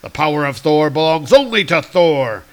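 A man voicing a proud, hot-tempered male god from a comic, speaking in booming archaic declarations. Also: lively intonation, normal speed. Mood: angry commanding.

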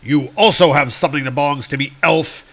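A man voicing a proud, hot-tempered male god from a comic, speaking in booming archaic declarations. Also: fairly quick, fairly bright tone. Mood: angry commanding.

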